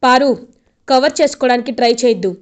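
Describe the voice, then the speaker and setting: A woman's voice: high-pitched, fast talker, lightly acted. A woman voicing an angry young father who scolds his family for upsetting his daughter, in a stern retelling of a TV serial.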